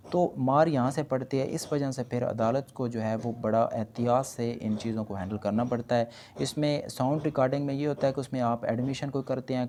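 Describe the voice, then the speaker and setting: There's a warm tone to this man's mid-range voice as he lectures on law with a Pakistani accent. Carefully reading points aloud, he explains each in a conversational way, though the recording carries noticeable background noise.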